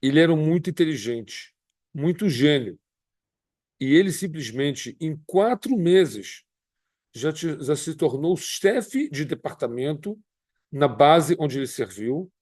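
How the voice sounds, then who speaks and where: Fifties rabbi, Carioca accent, measured and earnest testimony, dry close sound. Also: male voice, fairly high pitch, animated, a little mellow, no room sound. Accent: Carioca Brazilian Portuguese. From Brazil. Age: 50s. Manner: measured, earnest, pauses often between phrases. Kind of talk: personal testimony.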